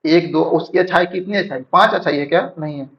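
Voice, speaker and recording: A man teaching English grammar in Hindi, reading sentences slowly and checking his students follow. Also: a little high. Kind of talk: classroom-style grammar lesson. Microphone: writing on a board while talking. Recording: dull lo-fi sound.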